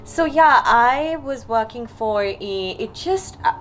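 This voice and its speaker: A woman's voice: on the high side, expressive, slow pace, fairly bright tone, rough recording. A woman from Lahore, Pakistan, speaking as a guest in a casual interview and telling her story candidly with frequent ums. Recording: faint background noise.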